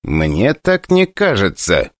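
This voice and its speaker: A man's voice: on the low side, huge pitch swings, slow pace, dry recording, studio quality, full character voice. A man doing a heated, indignant young nobleman.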